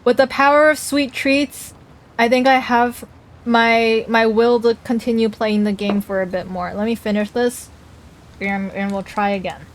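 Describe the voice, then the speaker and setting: A woman's voice: mid-range voice, level tone, normal speed. A woman livestreamer chatting casually, reacting to chat messages and talking while she eats.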